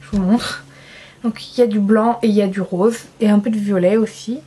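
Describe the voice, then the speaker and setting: A woman's voice: medium pitch, fairly even intonation, brisk, mellow, slightly rough. A young woman from France chatting casually through a makeup swatch review, enthusiastic and self-mocking. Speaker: beauty vlogger.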